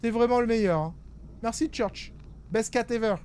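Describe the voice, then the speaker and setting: A man's voice: very high voice, normal speed, a little mellow, a little hiss or hum. A man casually commentating a game, reading out text and talking slangily to the characters. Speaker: horror game streamer.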